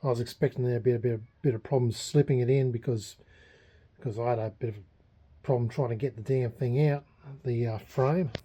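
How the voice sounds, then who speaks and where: An Australian hobbyist vlogger gives a casual progress update on a restoration project. His mellow, medium-pitched voice holds a steady tone with a breathy edge, and his unscripted delivery is halting and hesitant, full of pauses.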